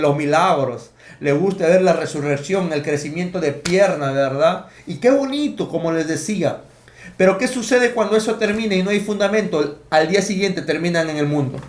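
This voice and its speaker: A man preaching a sermon, teaching emphatically and counting out his points. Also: high voice. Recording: echoey room.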